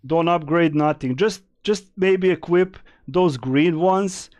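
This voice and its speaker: A young man chats slowly with his stream audience, answering questions in a loose, rambling way. His voice is smooth and clear, and the sound is dry and close with no room echo. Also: a little high, a little mellow. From Serbia. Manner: rambling, many fillers and restarts, reading chat aloud. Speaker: game streamer. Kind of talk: casual live-stream Q&A.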